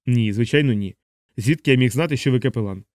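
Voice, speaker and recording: A man voicing a sardonic young bomber captain in a hospital bed, speaking in a deadpan, mocking way. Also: medium pitch, fast, dry recording, close to an everyday voice.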